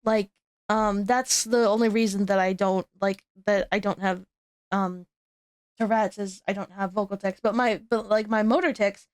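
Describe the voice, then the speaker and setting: Hosting a guest on her stream, this young VTuber rambles through casual chat and laughs at herself, stuttering with lots of repeats and restarts. Her voice sits at medium pitch with fairly even intonation and a moderate pace. It sounds smooth, in a clean studio recording with no echo.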